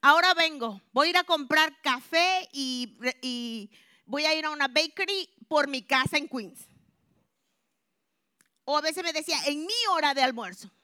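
A woman giving a religious testimony to a congregation, telling her story expressively and moving between hushed and loud. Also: high-pitched, a little slow, no room sound, clean studio sound. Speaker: church member giving a testimony.

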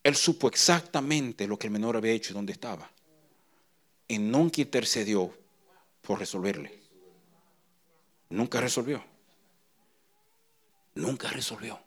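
A middle-aged man preaching a sermon, swinging from hushed, intimate lines to loud, emphatic ones. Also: on the low side, animated, normal speed, pauses often. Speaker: pastor.

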